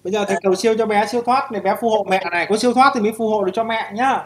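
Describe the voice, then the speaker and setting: A woman leading a ritual, brisk and reassuring. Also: mid-range voice, a crowd in the background. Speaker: ritual master.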